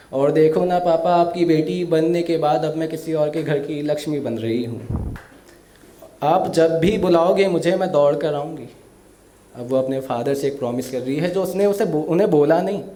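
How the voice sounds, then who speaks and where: A man performing an emotional poetry recitation for an audience, slow and heartfelt, repeating verses with rising emphasis. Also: on the high side, warm tone. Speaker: poet. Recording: echoey room.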